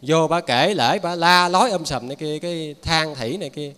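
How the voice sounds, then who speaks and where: Man, Southern Vietnamese accent, lay preacher, casual dharma talk, slightly high voice, long hall reverb. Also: normal speed, fairly bright tone, clean tone. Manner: conversational, folksy preaching with frequent asides to the audience.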